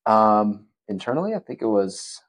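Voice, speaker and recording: Chatty, relaxed man from Wisconsin. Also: lowish voice, normal speed, no room sound, low-quality recording. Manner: relaxed, chatty, laughs often, many fillers like "you know" and "like". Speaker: podcast guest. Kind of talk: casual conversational storytelling.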